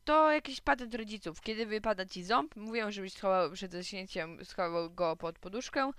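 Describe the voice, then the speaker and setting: A woman's voice: medium pitch, normal speed, a bit bright, clear, resonant tone, close to an everyday voice. A woman voicing a confident schoolboy explaining a trick to his friends in a storybook reading. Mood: know-it-all.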